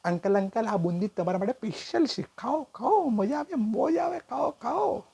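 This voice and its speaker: A man doing a squeaky cheeky little boy. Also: animated, moderate pace, vocal fry, warm tone, slightly rough, exaggerated voice. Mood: teasing. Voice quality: high childish whine. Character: cheeky little boy nephew, pestering and sly.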